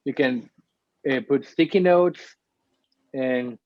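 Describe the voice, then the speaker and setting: A man presenting a step-by-step software tutorial over a video call, explaining as he goes with frequent ums. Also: mid-range voice, slow, dry recording. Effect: heard over a video call. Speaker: workshop presenter. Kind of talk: screen-share tutorial walkthrough. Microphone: computer mic on a video call. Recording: dull, dry video-call audio.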